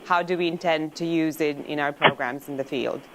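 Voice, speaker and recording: A woman's voice: low-pitched, steady tone, fairly quick, a little hiss or hum, poor audio. A woman from Serbia moderating a panel discussion, thanking speakers graciously with a few fillers. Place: conference room.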